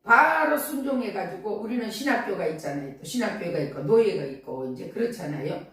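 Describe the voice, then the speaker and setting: A woman's voice: mid-range voice, expressive, fairly quick, a bit bright. A middle-aged woman pastor preaching a revival sermon, emphatic and repetitive, often crying out hallelujah. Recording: echoey hall, voice from far off.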